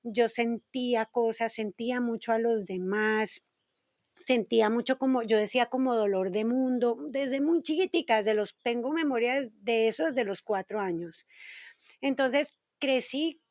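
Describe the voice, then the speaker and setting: A woman in her fifties from Colombia with a Colombian accent, a podcast guest telling her story gently and reflectively. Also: a little high, a little slow, no room sound, studio quality. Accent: Colombian Spanish. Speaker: guest, intuitive communicator.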